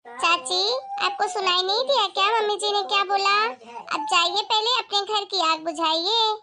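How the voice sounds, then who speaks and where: A woman's voice: very high-pitched, moderate pace, pushed and bright. A woman voicing a proud young daughter-in-law from a rich family in a cartoon, speaking assertively. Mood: defiant. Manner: assertive, defiant.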